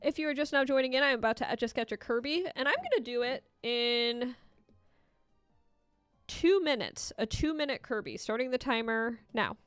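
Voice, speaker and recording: A woman's voice: high-pitched, animated, normal speed, smooth, dry recording. A woman hosting a casual livestream, chatting playfully to viewers and giving running commentary, with music behind her. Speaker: livestream host and Etch A Sketch artist.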